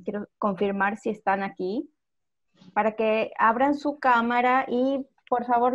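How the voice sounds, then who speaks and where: A woman moderating an online webinar, polite and organized as she hands the floor to participants. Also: on the high side. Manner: organized, polite, gives clear instructions. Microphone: video call. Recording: muffled video call audio.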